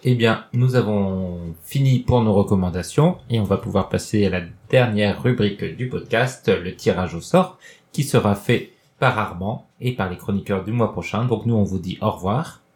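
A man's voice: on the low side, normal speed, a little mellow. A man co-hosting a podcast, talking casually and hesitantly with many fillers. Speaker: podcast co-host.

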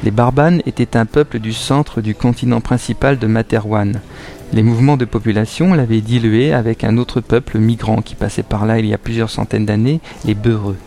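A man giving scripted narration of an audio drama in a steady storytelling manner. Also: fairly low pitch, moderate pace, faint music behind.

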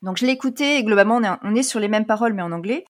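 Woman co-host for a relaxed music chat; talkative, quick to laugh. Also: medium pitch. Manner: chatty, laughs often, many fillers. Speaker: podcast co-host. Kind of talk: casual chat.

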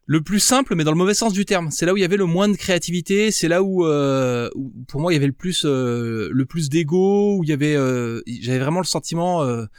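Man chatting, smooth clear voice, dry sound, lots of euh. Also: a little high, fairly quick, hardly any pauses, dry recording. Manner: reflective, hesitant with many fillers. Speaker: podcast guest. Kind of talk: casual chat. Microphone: remote recording.

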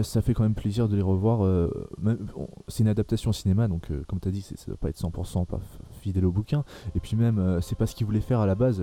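A young man with a low, very dark and mellow voice talks through a film in casual podcast chat. He stops often on fillers and starts his sentences over. Faint music sits under his voice. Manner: hesitant, many fillers and restarts. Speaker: podcast host.

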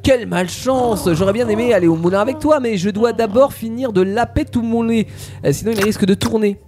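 A man voicing a lazy, polite male cat in a told fairy tale, with slow, drawn-out speech. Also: high-pitched, music in the background, close to an everyday voice. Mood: languid.

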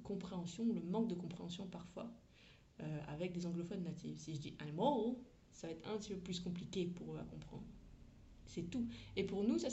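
A woman's voice: fairly low pitch, warm tone, muffled recording. A woman who teaches English, talking through a lesson in a chatty, frank way with slang and asides. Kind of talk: casual teaching monologue.

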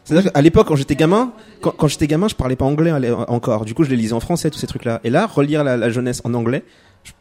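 Male co-host, very quick talker, warm mellow tone. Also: medium pitch, expressive. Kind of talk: casual chat.

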